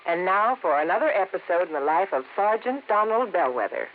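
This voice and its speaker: An earnest, sweetly persuasive wife coaxes in a lively voice that rises and falls through each line. The sound is narrow and phone-like, with a faint hiss behind it. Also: female voice, lowish voice, a little fast. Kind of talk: 1950s radio public service skit. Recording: tinny old radio broadcast with hiss.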